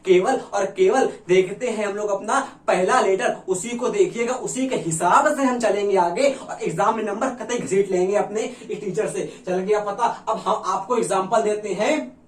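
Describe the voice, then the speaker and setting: A man's voice: high voice, moderate pace. A man with a Hindi accent teaching an English exam-prep lesson, repeating rules over and over and calling his students "bhaiya". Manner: repetitive, drilling, addresses students as bhaiya. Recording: echoey room, voice from a distance.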